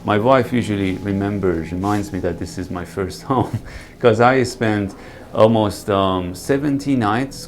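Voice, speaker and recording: There's background noise as an Iranian man in his 40s, a night sky photographer, delivers a documentary interview monologue. His low voice stays calm and earnest, and he pauses with small hesitations as he reflects.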